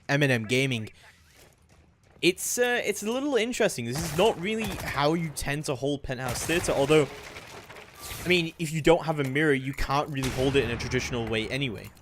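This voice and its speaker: An esports caster with a medium-pitched voice gives brisk live play-by-play on a video game against a noisy background. He's analytical and hedging, swelling into excited calls.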